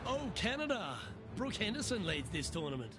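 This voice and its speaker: A man working as lead golf commentator in a video game, giving measured play-by-play calls. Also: high-pitched, sing-song, over music.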